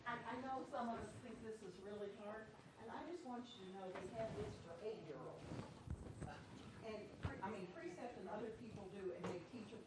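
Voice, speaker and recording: A woman in a class, speaking up with hesitant, halting remarks. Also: mid-range voice, heavy background noise. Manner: hesitant, restarts. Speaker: class member. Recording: echoey room from far off.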